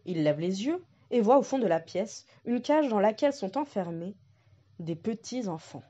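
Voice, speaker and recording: A woman narrating a storybook in a slow, deliberate reading. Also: mid-range voice, expressive, mellow. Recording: dull lo-fi recording.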